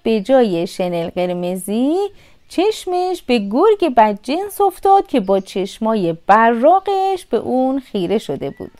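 A woman narrating a children's fairy tale with expressive, sing-song storytelling. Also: on the high side.

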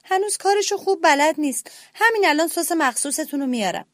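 A jittery servant mouse who bows and begs forgiveness at every turn, voiced by a woman storyteller. The voice sits high and anxious in a dry, close recording. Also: lively intonation, no echo. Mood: pleading nervous. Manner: pleading, nervous. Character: timid fawning servant mouse.

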